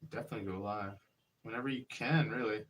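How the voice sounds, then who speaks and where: This man is in his thirties and talks fast, his fairly low voice carrying a fairly bright tone. He's working at a pottery wheel during a casual live stream, explaining every hands-on step in a hesitant, rambling way, and he's recorded from a distance.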